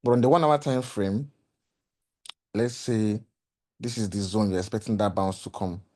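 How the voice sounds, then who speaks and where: A man with a slightly hoarse voice explaining trading charts in a lesson, walking through the steps and repeating key points with rhetorical questions. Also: on the low side, normal speed, a little mellow. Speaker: trading mentor. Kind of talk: screen-share trading lesson.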